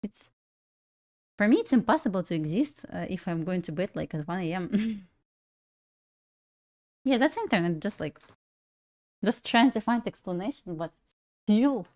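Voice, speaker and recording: A young Belarusian woman, a native Russian speaker with a Russian accent, hosts a relaxed trading livestream, chatting with viewers, laughing often and restarting her sentences haltingly. Her voice sits in the mid range, expressive and slightly mellow.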